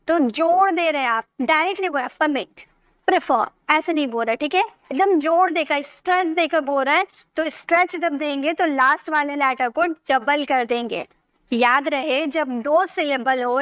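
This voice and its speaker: Recorded close to the mic in a dry room with hardly any echo, a woman with a high, bright voice teaches spoken English grammar. This patient English teacher takes each rule slowly, step by step, and checks in with questions to make sure her students understand.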